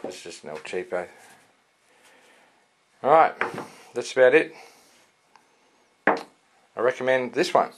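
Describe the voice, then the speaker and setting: A man's voice: medium pitch, lively intonation, takes it slowly, pauses often, fairly bright tone. A man giving a casual, rambling product review with many fillers and restarts. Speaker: sword reviewer.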